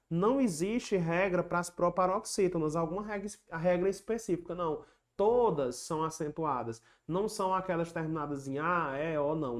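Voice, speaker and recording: An exam-prep teacher giving an online lesson, patiently explaining each point, repeating the key rules and chanting little rhyming memory tricks. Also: mid-range voice.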